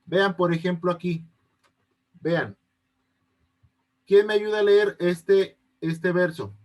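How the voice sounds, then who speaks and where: A man's voice: high-pitched, steady tone, slow pace. A man teaching an online class over a video call, explaining step by step and often checking that his students understand. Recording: unstable connection.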